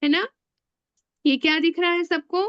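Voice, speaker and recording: A woman teaching an online Arabic grammar class, slowly spelling out letters and often asking the class questions. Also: extremely high pitch, steady tone, no room sound, highs cut off. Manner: slow and spelling out letters one by one. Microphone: online video call.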